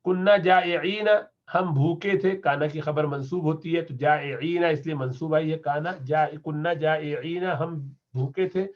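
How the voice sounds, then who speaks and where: A male Arabic teacher with a Pakistani Urdu accent, giving a recorded grammar lesson, reading example sentences slowly and then explaining them quickly. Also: a little high, lo-fi sound.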